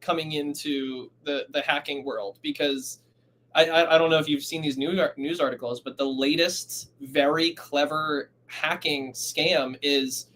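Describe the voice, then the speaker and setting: A man guests on a casual interview, talking up his films. His voice is bright and forward, a little high, and he tells stories with real enthusiasm. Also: rough recording. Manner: animated storyteller, enthusiastic. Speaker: actor, writer and director guest.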